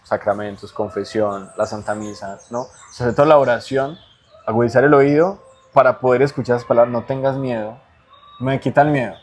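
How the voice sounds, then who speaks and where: A man's voice: medium pitch, fairly even intonation, brisk, soft background music. Earnest man giving spiritual teaching. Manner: earnest, explaining with rhetorical tag questions. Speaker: interview guest.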